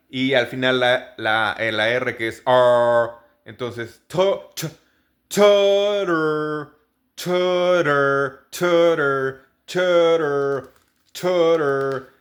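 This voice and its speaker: A man's voice: mid-range voice, a bit bright. A man teaching English pronunciation in a casual lesson, hesitating often and repeating each practice word over and over. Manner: drills each word by repeating it many times; hesitant, with restarts and fillers.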